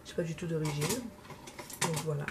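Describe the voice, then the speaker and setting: A woman's voice: low-pitched, fairly even intonation, fairly quick, very noisy. A young woman with a slight lisp, chatting casually and hesitantly while doing her makeup for a vlog. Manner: hesitant, many fillers. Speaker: makeup vlogger.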